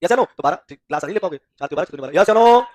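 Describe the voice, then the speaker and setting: A man teaching maths to a class, talking quickly and pitched high. He keeps quizzing the room with repeated questions and slips in homely jokes. The sound is close and dry, with little room echo. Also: expressive, a little mellow. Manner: quizzing students with repeated call-and-response questions; folksy, teasing classroom humor.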